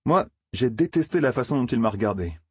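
A man's voice: medium pitch, animated, fairly quick, a little mellow, husky, no echo, studio quality, voice pushed up. A man voicing a mischievous young village man, eager and chattering. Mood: earnest.

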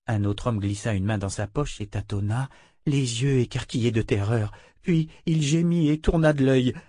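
A man narrating a French fantasy audiobook in a calm, measured storytelling voice on a close mic. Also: mid-range voice, no room sound.

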